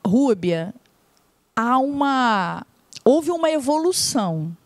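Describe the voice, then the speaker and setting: A woman telling a story in a casual chat, animated and laughing. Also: a little high, slow, no room sound. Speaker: mother and co-host.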